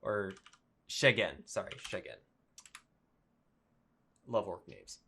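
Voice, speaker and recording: A male game master running an online tabletop session, with a fairly low voice. He rambles with frequent fillers and restarts. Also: animated, takes it slowly, creaky, sharp tone, slight background noise. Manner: rambling, filler-heavy, laughing.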